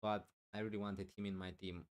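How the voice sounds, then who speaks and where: A fantasy football streamer with a low voice talks loudly on a live stream, answering chat questions while thinking aloud with plenty of fillers. His pitch barely moves and his pace is fairly quick. He's losing his voice and keeps clearing his throat.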